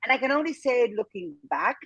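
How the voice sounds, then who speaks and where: A woman in her fifties from Argentina, speaking with an Argentine Spanish accent, is a business owner giving frank, reflective answers as an interview guest, laughing often and using many fillers. Her voice is fairly high, husky and fairly bright, with a sing-song lilt and a quick pace. The recording is dry, and the high frequencies are cut off.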